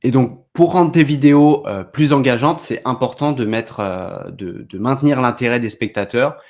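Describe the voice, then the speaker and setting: A man's voice: medium pitch, moderate pace, a little mellow. A man giving a casual online tutorial, talking straight to the viewer and often hesitating and restarting. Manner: hesitant, many fillers and restarts; speaks directly to the viewer. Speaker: content creation trainer.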